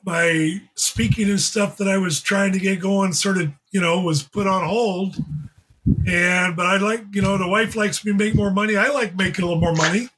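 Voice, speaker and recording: A man's voice: high-pitched, fairly even intonation, normal speed, fairly bright tone, slight background noise, poor audio. A man in his seventies hosting a podcast, talking casually and joking as he asks pointed questions. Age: 70s. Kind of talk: casual chat.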